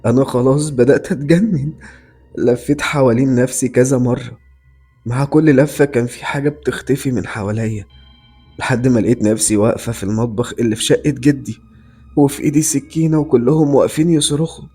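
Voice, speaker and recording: A man's voice: mid-range voice, fast, dark tone, breathy edge, faint music behind. A male voice actor narrating a first-person horror story in a dramatic, tense storytelling manner.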